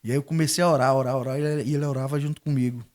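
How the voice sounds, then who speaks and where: Middle-aged man, guest on a faith chat, mid-pitched voice, tells his testimony and acts out the voices in it. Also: fairly even intonation, very fast, darkish tone. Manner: storytelling, acting out quoted dialogue.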